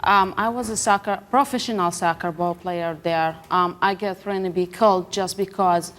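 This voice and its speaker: A young woman from Iraq, a talk show guest who speaks natively and talks in halting English full of restarts. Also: fairly low pitch, steady tone, a bit bright. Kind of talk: emotional talk show confession.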